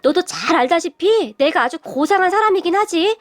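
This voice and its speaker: A woman's voice: very high-pitched, animated, moderate pace, dry recording. A woman voicing an elegant older mother-in-law who speaks with dignified, curt coolness. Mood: cool.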